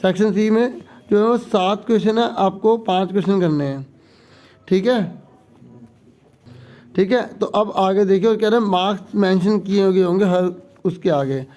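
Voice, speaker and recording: A male teacher with a high, mellow voice talks through a sample exam paper. He reads each question out slowly, then explains it patiently and keeps checking that the class is following.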